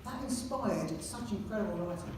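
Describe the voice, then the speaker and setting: Male headteacher with a London accent, animated anecdotal speaker; distant mic in a reverberant hall. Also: sits high, moderate pace, noisy background. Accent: London English. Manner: jokey storyteller, animated, self-mocking. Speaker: headteacher giving a talk. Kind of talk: anecdotal presentation to an audience. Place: large hall with audience.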